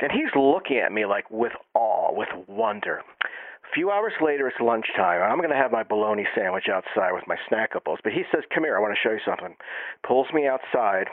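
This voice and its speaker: A man telling an absurd story in a deadpan, matter-of-fact comic manner. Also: fairly low pitch, dry recording, narrow, tinny audio.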